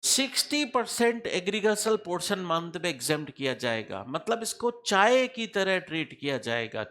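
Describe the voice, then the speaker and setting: A man's voice: high voice, big pitch swings, moderate pace, a bit bright. A middle-aged man teaching tax law in a classroom lecture, repeating key figures and quizzing students with questions.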